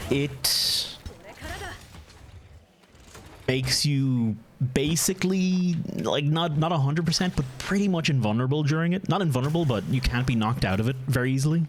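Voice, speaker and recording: With a little hiss or hum on the line, a medium-pitched man with a County Meath accent from Ireland chats with his stream audience as he games. He's laid-back and rambling, responding to chat and starting sentences over again and again.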